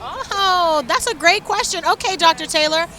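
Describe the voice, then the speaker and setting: A woman's voice: extremely high pitch, moderate pace, pushed and bright. A woman presenting upbeat street interviews, talking through a face mask outdoors on a city street. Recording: street noise and passing traffic.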